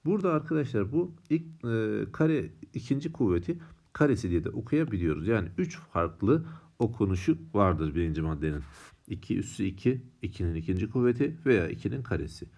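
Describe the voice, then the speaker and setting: Male math teacher, lower voice, mellow tone, lively pitch, patient and repetitive, quizzes his students. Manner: patient, repeats and asks the students questions. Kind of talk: classroom math lesson.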